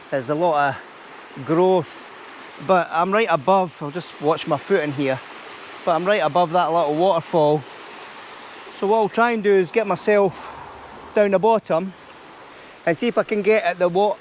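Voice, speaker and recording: High-voiced Scottish man vlogging outdoors. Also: slight background noise. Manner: chatty, explaining as he goes. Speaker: YouTube vlogger and landscape photographer. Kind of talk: casual outdoor vlog commentary. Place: outdoors by a stream under a bridge.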